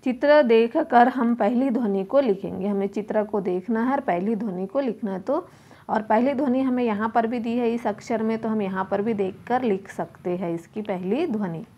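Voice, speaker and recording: A woman's voice: fairly high pitch, normal speed, dull audio. A woman teacher, patiently walking young children through a workbook and sounding out each letter aloud. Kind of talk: primary school lesson walkthrough.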